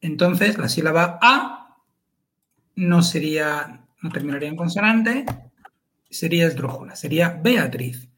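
A man's voice: fairly high pitch, animated, measured pace, a bit bright. A man, co-hosting a podcast chat and explaining pronunciation carefully, syllable by syllable. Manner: careful and methodical, spells out syllables.

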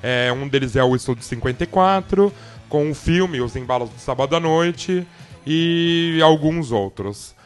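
A fairly high-voiced man co-hosts a loose radio chat, talking through a stuffy head cold. He sounds playful and laughs easily. Faint music plays underneath. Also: a little slow. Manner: playful, giggly, animated. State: has a cold. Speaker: podcast co-host.

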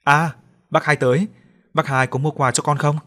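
Man doing a small excited girl, raised pitch, louder, chirpy storybook voice. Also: normal speed, close to an everyday voice.

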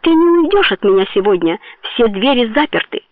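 A woman voicing a cruel, possessive man in an audiobook, pitching lower and slower when threatening, with a tinny sound. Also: very animated, no room sound. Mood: menacing. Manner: menacing, possessive. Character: cruel obsessive male villain. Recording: tinny phone-like dry sound.

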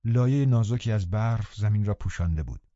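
A man calmly reading a novel aloud as an audiobook narrator, in measured storytelling. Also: lowish voice, no room sound. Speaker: audiobook reader. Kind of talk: scripted narration. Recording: dull lo-fi dry recording.

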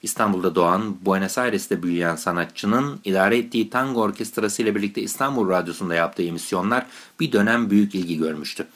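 A man's voice: lowish voice, fast, few pauses, fairly bright tone. A man reading scripted narration as a radio host.

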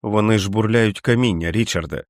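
A man voicing a calm, steady young man urging his sick friend to move. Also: on the low side, a little fast, dry recording, clean studio sound, lightly acted.

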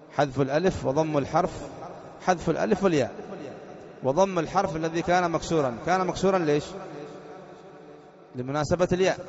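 A man's voice: a little high, big-room sound, dull audio. A man teaching a grammar lesson as a sheikh, explaining step by step and quizzing his students as he goes.

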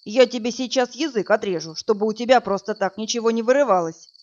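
A woman's voice: on the high side, fast, dull audio, close to an everyday voice. A woman voicing a brutish, drunk male thug who snarls coarse threats, in a read-aloud crime story. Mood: threatening. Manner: menacing, loud, snarling threats.

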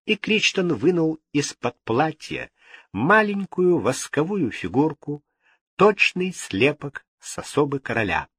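A man narrates an audiobook slowly, with a husky voice that rises and falls widely. The recording is close and dry. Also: fairly high pitch, big pitch swings, a bit bright, no room sound. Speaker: audiobook reader.

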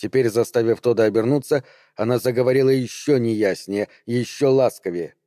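Dark-voiced male audiobook narrator. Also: medium pitch, brisk, dry recording, studio quality.

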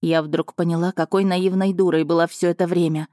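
A woman narrates a first-person fantasy romance in a measured, steady storytelling manner. Her voice sits on the low side and is recorded close and dry, with no room sound. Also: dry recording. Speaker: audiobook narrator.

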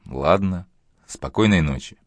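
Audiobook figure: tired, jealous young lieutenant, quiet and soft-spoken, voiced by a deep-voiced male reader. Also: lively intonation, measured pace, dry recording. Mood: weary, subdued. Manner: subdued, tired, pleading.

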